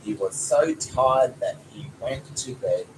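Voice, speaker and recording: A man with a medium-pitched voice reads a children's story slowly and expressively, the way a father reads to his child. It's a noisy home recording with clear background noise.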